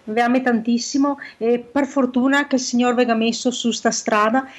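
Woman w/ veneto accent, kinda high voice, gushy casual chat, calling in as a guest. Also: fairly even intonation, moderate pace. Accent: Venetian (Veneto) Italian. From Veneto, Italy. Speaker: call-in guest.

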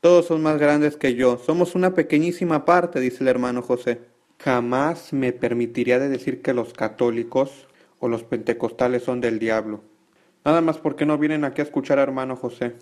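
A man's voice: mid-range voice, fairly even intonation, normal speed, a little mellow. Male preacher leading a Bible study; earnest, explanatory, quotes verses.

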